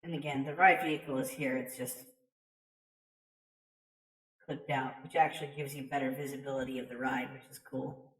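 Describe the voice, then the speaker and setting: Female game streamer, low pitch, casual and rambling delivery, a bit off-mic. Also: fairly even intonation, moderate pace, pauses often. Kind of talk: casual chatty commentary. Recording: roomy echo, distant from mic.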